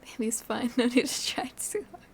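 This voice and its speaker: A woman's voice: a little high, lively intonation, moderate pace, gravelly, slight background noise. A young woman from Alabama streaming a game, chatting casually, giggling and often dropping to a whisper. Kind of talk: casual live-stream chat.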